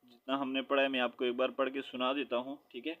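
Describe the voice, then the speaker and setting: A man teaching Quran recitation. He spells out letters slowly, chants the verses drawn-out, and explains quickly and patiently between them. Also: mid-range voice, monotone. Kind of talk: tajweed lesson, spelling and reciting. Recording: dull lo-fi recording.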